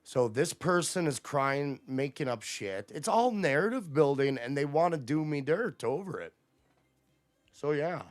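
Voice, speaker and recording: A man's voice: fairly high pitch, animated, unhurried, dry recording. Profane, combative male streamer. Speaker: livestream host. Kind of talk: casual livestream rant to chat.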